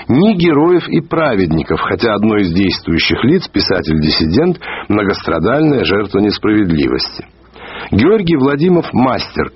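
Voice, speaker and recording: A man reading a literary review aloud in a measured way, slowing down to stress key words, heard on an old archive radio recording. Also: lowish voice, slightly rough, muffled recording. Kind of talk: read literary commentary.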